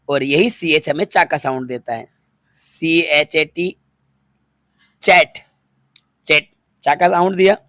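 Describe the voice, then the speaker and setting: A man's voice: high-pitched, a bit bright, no room sound, studio quality. A man teaching a phonics lesson to students, patiently spelling words out letter by letter and repeating each one. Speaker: English teacher.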